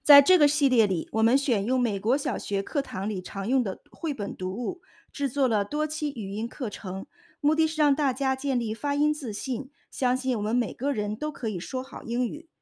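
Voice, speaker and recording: A woman's voice: fairly high pitch, moderate pace, darkish tone. Woman explaining pronunciation step by step. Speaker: host and pronunciation tutor.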